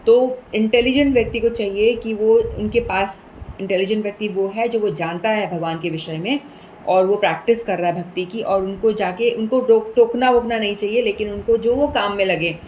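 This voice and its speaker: A woman giving a patient scripture talk, mixing English words in and chanting Sanskrit verses slowly. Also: mid-range voice, steady tone, a little mellow, muffled recording, slight background noise. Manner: patient, explanatory, repeats points with everyday examples; mixes English words into Hindi. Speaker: speaker explaining scripture.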